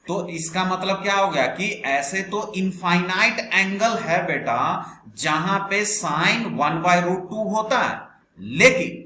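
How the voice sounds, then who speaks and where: A man's voice: sits high, animated, takes it slowly, pushed and bright. A man teaching a maths class online in speech, patiently calling students "beta" and asking them questions as he explains. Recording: echoey room, faint background noise.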